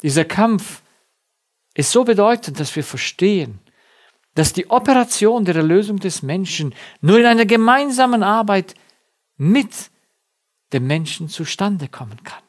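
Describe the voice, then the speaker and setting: Male preacher, fairly high voice, unhurried sermon delivery that rises to stressed peaks and drops to near-murmurs. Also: lively intonation. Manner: slow and emphatic, with swelling loud and hushed passages.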